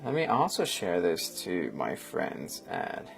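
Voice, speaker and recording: A photographer hosting a live editing stream, this Colombian man whose first language is Spanish speaks slowly in a low, gravelly voice with huge pitch swings. He edits at his desk in casual, friendly rambling full of fillers, reading chat aloud while soft music plays behind him.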